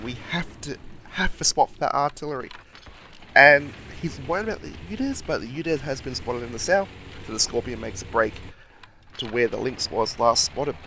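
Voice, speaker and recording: As the channel's host, a man with a slightly croaky, mid-range voice gives lively play-by-play voice-over commentary on a video game, with a little hiss or hum in the background.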